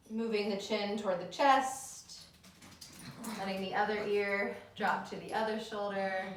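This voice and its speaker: Soothing lady yoga teacher talking people thru chair yoga, slow n gentle, super echoey room. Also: medium pitch, a little hiss or hum. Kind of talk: guided chair yoga class instruction. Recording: very echoey room, distant mic.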